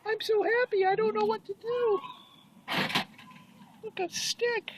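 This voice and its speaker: Squeaky overjoyed old house cat. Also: male voice, fairly even intonation, a little slow, muffled recording, noisy background. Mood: blissful. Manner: high squeaky gushing cat voice.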